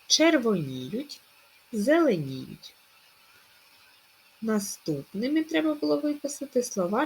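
A middle-aged woman teacher giving a recorded remote lesson to children. She pronounces words slowly and with stress, one by one, as if dictating. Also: medium pitch, a little hiss or hum. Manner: slow, stressed word-by-word dictation. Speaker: primary school teacher.

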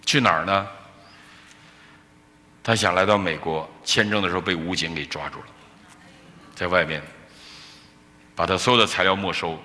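A man preaching a sermon as a pastor, telling a story in an animated way and acting out the dialogue. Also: sits low. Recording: reverberant church hall.

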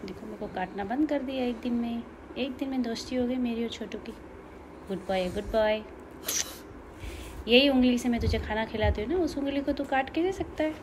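A woman's voice: fairly high pitch, moderate pace. A woman at home talking baby talk to her pet parrot, coaxing and repeating the same sweet words over and over. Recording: loud background noise.

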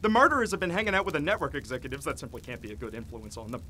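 A man voicing a fast-talking, harried male devil boss in an animated short, wisecracking and full of puns. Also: medium pitch, slight background noise. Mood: wry. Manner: wisecracking, punning, exasperated.

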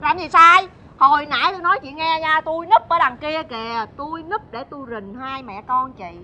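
An actress playing a nosy, gossiping neighbor woman in a stage comedy sketch, talking quickly and indignantly. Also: sits high, highs cut off, lightly acted. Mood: gossipy.

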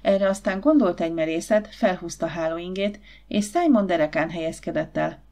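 Lady reading an audiobook, lowish voice, steady and measured. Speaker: audiobook narrator. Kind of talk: scripted narration.

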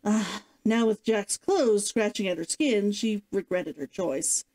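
A woman's voice: mid-range voice, a little slow, warm tone. A woman narrating a novel like an audiobook, reading expressively and dramatically as a streamer. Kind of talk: scripted storybook narration, audiobook-like.

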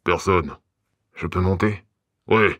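Loyal terse henchman in an audiobook, man reading, low voice, dry sound. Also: fairly even intonation, takes it slowly, a bit bright, dry recording. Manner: terse, deferential replies. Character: Dubreuil, loyal male accomplice of Lupin. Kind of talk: audiobook character voice.

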